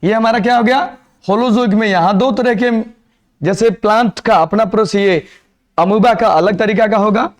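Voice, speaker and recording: High-voiced man teaching a class. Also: normal speed. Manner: repeats quiz questions to the class, mixes Hindi and English. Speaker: biology teacher. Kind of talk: classroom lecture.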